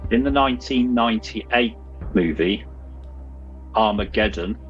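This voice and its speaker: A man's voice: lowish voice, lively intonation, measured pace. A man hosting a casual movie quiz and reading out questions, with a speech trait of saying w for r. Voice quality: can't pronounce R's properly, says w for r. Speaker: quiz host. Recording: dull lo-fi sound with music. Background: music.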